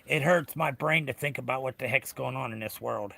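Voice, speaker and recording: Middle-aged American male livestreamer, heavily gravelled whiskey voice with a forceful edge, rambling, blunt, off-the-cuff chat. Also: medium pitch, brisk. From United States. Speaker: livestream host. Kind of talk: casual chat with viewers.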